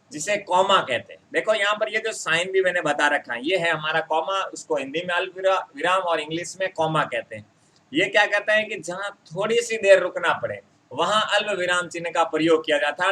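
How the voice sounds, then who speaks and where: Male grammar tutor, high and bright voice, chatty exam-prep teaching that drags out example sentences. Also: low-quality recording. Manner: addresses viewers as friends, repeats example sentences slowly.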